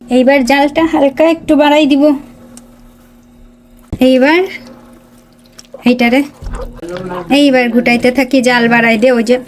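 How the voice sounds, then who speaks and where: A chatty woman with a Bangladeshi Bengali accent narrates her cooking step by step in a home kitchen. Her voice sits a little high, and her talk is easy and conversational, aimed at her viewers. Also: a little mellow, a little hiss or hum. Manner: chatty, talks viewers through each step. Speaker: cooking and mukbang vlogger. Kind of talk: casual cooking narration to camera.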